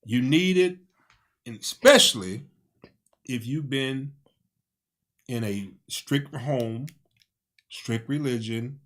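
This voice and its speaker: Man, co-host, preacher-like, emphatic, mid-range voice, relaxed chat. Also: mid-range voice, takes it slowly, pauses often. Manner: emphatic, preacher-like, affirming with frequent "yeah". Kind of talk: casual couples talk show.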